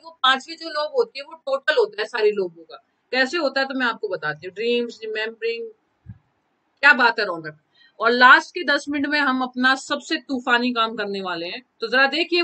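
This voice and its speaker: A high-pitched woman teaches a live online class. Her voice is bright and crisp, and she repeats key terms and calls on students by name from the chat. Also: brisk, low-quality recording. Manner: mixes Hindi and English terms, repeats key phrases.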